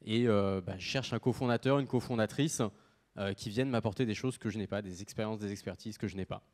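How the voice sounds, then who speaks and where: A startup pitch presenter in his thirties runs a live product demo on stage, joking casually and using lots of fillers. His voice is lowish and darkish in tone, and he speaks fairly quickly.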